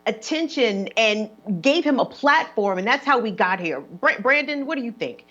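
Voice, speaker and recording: A woman host talking politics in a blunt, animated way, swearing as she goes. Her voice sits a little high, and the audio is slightly dull and lo-fi. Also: normal speed. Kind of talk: casual political discussion.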